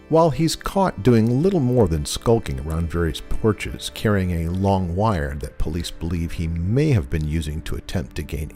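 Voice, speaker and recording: A man reading scripted, wry commentary as a video host, deadpan and mock-serious. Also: sits low. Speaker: narrator and host of a video compilation channel. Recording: voice-over with music behind.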